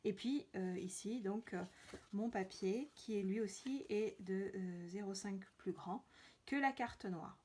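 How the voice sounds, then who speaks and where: Unhurried and dark-toned, her mid-range voice carries a casual card-making demonstration. As the tutorial host works, she chats along with many hesitations and filler words.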